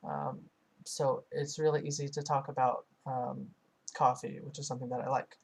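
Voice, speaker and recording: Man, translation voice-over, live interpreting, hesitant, lots of filler sounds, narrow pitch range. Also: flat delivery, moderate pace, creaky, a little mellow, husky. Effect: live translation voiced over a foreign-language source. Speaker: student interpreter.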